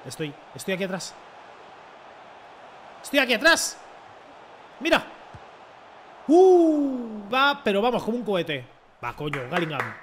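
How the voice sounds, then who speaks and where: A young man with a Spain Spanish accent, commenting his own football video game in an excitable, mocking way and swearing often. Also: fairly high pitch, a little hiss or hum. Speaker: gaming content creator. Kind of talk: casual gameplay commentary.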